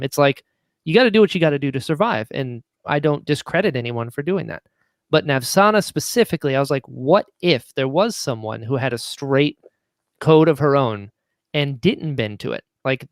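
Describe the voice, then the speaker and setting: This studio-quality clip with no echo features a fairly high-pitched man who writes audio drama, appearing as a podcast guest. He chats casually and informally, telling animated anecdotes and acting out bits of quoted dialogue.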